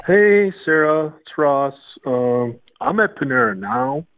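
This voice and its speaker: A man's voice: on the high side, lively intonation, slow, faint music behind. A man, a podcast co-host, leaving a rambling, offhand phone voicemail full of fillers. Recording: tinny phone-line voicemail.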